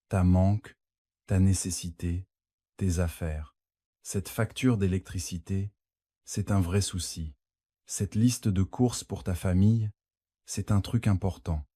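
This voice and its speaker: A man with a very low, dark voice preaches a fervent sermon, taking his time over every phrase. His tone is husky, and the sound is dry and close, with no room around it. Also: no echo. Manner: fervent preaching, addresses the listener directly with exclamations of praise. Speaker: pastor.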